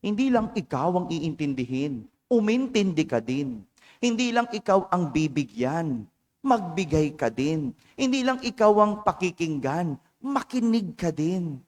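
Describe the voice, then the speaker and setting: A Filipino priest talks through his homily in a loose, chatty way and keeps checking in with the congregation through quick questions. His voice sits high for a man. It carries the long ringing reverb of a church. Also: big pitch swings, a little mellow. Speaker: parish priest. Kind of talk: conversational homily.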